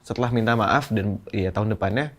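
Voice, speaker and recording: Low-voiced young man telling a candid story. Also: a little fast. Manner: candid, emotional storytelling in slangy casual speech with fillers. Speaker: guest. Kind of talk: casual podcast chat.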